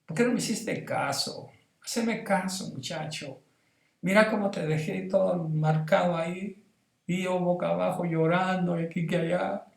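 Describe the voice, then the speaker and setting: A man voicing a remorseful mother who scolds softly after punishing her son, in a roomy, echoing space. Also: low voice, steady tone, a little fast, vocal fry, pitched above the performer's own voice. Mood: remorseful scolding. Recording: roomy echo.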